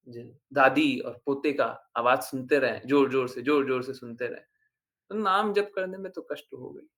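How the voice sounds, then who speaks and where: A man's voice: on the high side, fairly bright tone. A man giving an earnest devotional talk to followers, explaining patiently and repeating his points for emphasis. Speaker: spiritual teacher.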